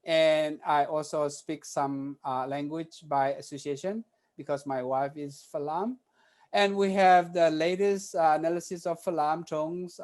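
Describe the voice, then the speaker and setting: A man giving an academic conference talk, halting and filling pauses with many "uh" sounds. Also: a little high, a little mellow. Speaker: conference presenter.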